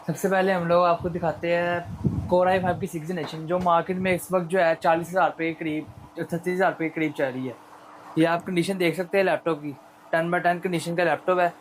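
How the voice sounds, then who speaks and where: A male shop seller with a Pakistani accent giving an unscripted, persuasive sales pitch in repetitive patter. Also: steady tone, fairly quick, slight background noise, rough recording.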